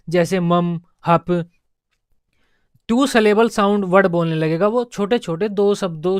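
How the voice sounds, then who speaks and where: Guy teaching an exam prep class, high clear voice, dry close mic, goes over stuff again and again. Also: no room sound. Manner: explains step by step, repeats key points.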